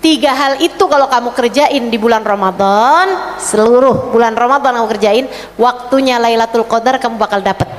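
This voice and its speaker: A woman preacher giving an animated sermon to women, acting out her listeners' voices and gulping sounds for effect. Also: on the high side, normal speed, in a large hall. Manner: animated, acts out the audience's voices and mimics gulping. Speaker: Islamic preacher. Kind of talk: lively sermon to a women's audience.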